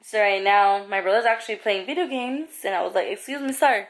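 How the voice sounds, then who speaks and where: A woman's voice: mid-range voice, brisk. A young woman vlogging in a chatty, rambling way, full of fillers and asides, talking to a camera she holds close. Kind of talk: casual chat. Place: in a car, then at home. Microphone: camera held close.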